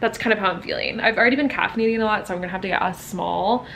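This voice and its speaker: A woman's voice: medium pitch, gravelly, fairly bright tone, slight background noise. Bubbly young woman vlogging at home. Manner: bubbly, chatty, quick laughs. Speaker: lifestyle vlogger. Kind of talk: casual vlog chat to camera. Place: bright apartment room at home. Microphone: camera mic at arm's length or on desk.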